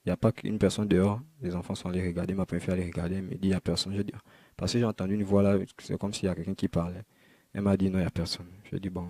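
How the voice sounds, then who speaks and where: A man giving a personal testimony, retelling events in a halting, repetitive way with many restarts and a quiet, subdued delivery. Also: deep voice, dry recording.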